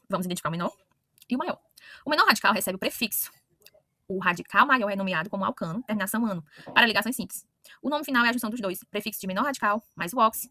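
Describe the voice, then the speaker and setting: Fast-talking, bright woman teacher. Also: on the high side, no room sound. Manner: talks to students directly with frequent questioning "né?" and self-corrections. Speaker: chemistry teacher. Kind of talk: online lesson explaining to students.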